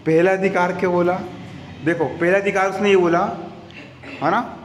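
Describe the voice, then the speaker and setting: A young man teaches a coaching class in a lecture, chatty and joking, often checking in with his students. His high voice barely moves in pitch and runs at a moderate pace. There's slight hiss or hum, and the classroom is echoey with long reverb.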